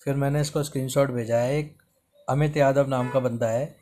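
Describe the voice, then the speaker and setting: A man's voice: mid-range voice, steady tone, moderate pace, mellow, a little hiss or hum. A man telling a story in a casual vlog, reading chat messages aloud in a skeptical, indignant way. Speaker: YouTuber.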